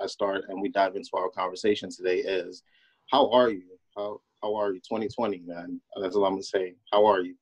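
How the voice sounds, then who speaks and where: Male host, conversational and informal, somewhat low voice, dry close sound, repeats words for emphasis. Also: a little mellow, slightly rough, dry recording, low-quality recording. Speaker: podcast host. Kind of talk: casual conversational hosting.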